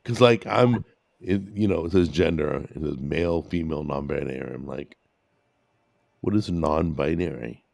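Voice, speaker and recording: A man's voice: very deep voice, normal speed, gravelly, darkish tone, no room sound. A man co-hosting a podcast in casual chat, joking and sarcastic while he shares his opinions. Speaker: podcast co-host.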